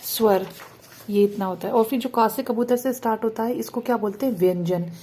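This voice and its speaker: A woman's voice: on the high side, fairly quick, dark tone, a little hiss or hum. A woman teaching parents the Hindi alphabet, asking questions and answering them herself, stretching out the vowel sounds.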